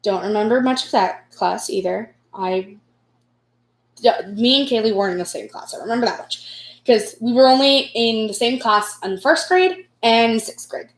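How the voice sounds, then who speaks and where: Casting: young female vlogger, American accent, fairly high voice, rambling self-mocking storyteller, echoey room sound. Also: moderate pace. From United States. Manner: rambling, self-deprecating, giggly. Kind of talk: casual personal storytelling.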